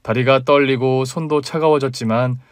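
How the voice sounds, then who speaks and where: Man reading a story in first person, steady, medium pitch, dry close mic. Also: normal speed, dry recording.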